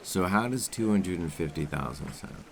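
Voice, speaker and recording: Man playing a suave, deep-voiced criminal, condescending and commanding. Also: lively intonation, moderate pace. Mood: coolly persuasive. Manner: smooth, condescending, impatient and commanding. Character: suave, menacing male criminal coaxing a captive dinner date. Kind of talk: scripted ASMR role-play.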